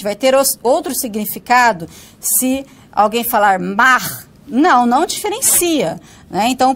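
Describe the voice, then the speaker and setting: A woman with a northern Paraná Brazilian accent giving a recorded phonetics lecture, explaining step by step and often checking in with tag questions. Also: sits high. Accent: Brazilian Portuguese, northern Paraná. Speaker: phonetics teacher.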